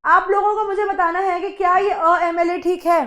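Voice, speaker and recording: A woman's voice: very high-pitched, fairly even intonation, normal speed, bright, forceful tone. A woman teacher explaining a lesson to students, asking questions and answering them herself. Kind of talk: classroom lesson.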